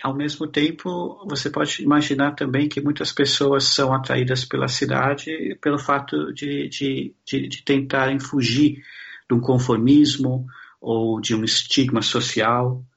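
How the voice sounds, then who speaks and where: Husky-voiced Brazilian man, halting answers. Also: mid-range voice, level tone, a bit bright, muffled recording. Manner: thoughtful, halting, many restarts. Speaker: guest social scientist. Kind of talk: conversational interview answers.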